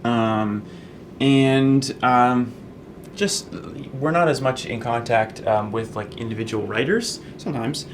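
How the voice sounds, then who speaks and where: A young man from Canada, a student managing editor answering interview questions in a relaxed, rambling way with many ums. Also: medium pitch, takes it slowly, noisy background. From Fredericton, Canada. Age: young adult.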